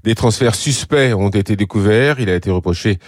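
Deep-ish guy doing a news report, lots of ums, dry mic. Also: brisk, dry recording. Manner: reads with frequent hesitations. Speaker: correspondent.

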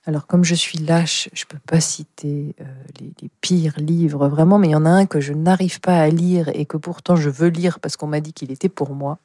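A woman's voice: low voice, fairly even intonation, normal speed, few pauses, mellow, no echo, clean studio sound. A woman author answering interview questions hesitantly, searching for words and making light of herself.

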